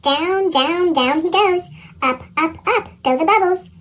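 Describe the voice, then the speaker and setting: Squeaky chipmunk cartoon voice reading a kids book, pitched way up, slow and animated. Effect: pitched-up chipmunk voice effect. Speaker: storybook narrator. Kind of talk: scripted children's story read-aloud.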